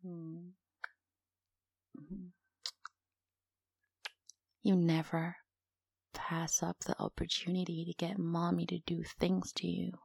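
A woman whispering close to the mic in a slow, cooing voice that is breathy with a gravelly edge. Her tone sits low and mellow, with little rise and fall, and the sound is dry and close. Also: monotone. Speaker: audio roleplay performer. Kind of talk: whispered intimate audio roleplay.

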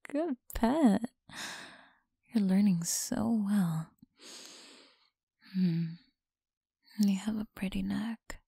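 Here the young woman's bully character comes through as a full character voice: a mid-range, dark-toned whisper, slow, breathy and mocking, close to the mic. It's an ASMR roleplay of a teasing, possessive schoolmate, with no room sound.

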